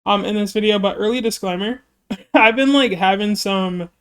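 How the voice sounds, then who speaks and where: Speaking at normal speed in a clear, resonant, medium-pitched voice, this streamer chats casually while reacting to music videos. The talk rambles with many fillers and self-interruptions, and throat trouble makes the voice catch repeatedly.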